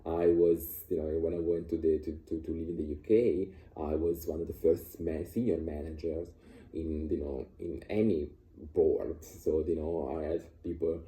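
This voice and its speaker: An Italian vlogger shares his personal views in a casual, unscripted monologue, full of fillers and restarts. His voice rumbles low and sounds warm, delivered flatly at a moderate pace. The room is echoey.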